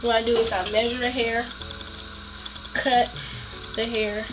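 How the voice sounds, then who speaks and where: A woman's voice: a little high, flat delivery, a little slow, music in the background, rough recording. A woman with a cold and a stuffy nose, chatting casually through a hair tutorial and rambling with plenty of ums. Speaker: hair vlogger.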